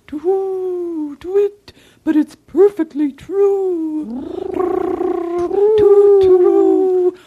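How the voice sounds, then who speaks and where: A chatter of pigeons coos the news in a sing-song, very high voice, as a woman puts them on. The delivery is slow and drawn out. The sound is thin and phone-like. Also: fairly even intonation, heavy background noise, heavily acted. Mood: eager. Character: cooing gossipy pigeons. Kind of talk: storybook reading.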